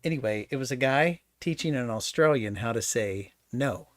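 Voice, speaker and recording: Lively playful male tech podcast co-host. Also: mid-range voice, moderate pace, no room sound. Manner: playful, jokes about putting on accents. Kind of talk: casual chat. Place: Pacific Northwest.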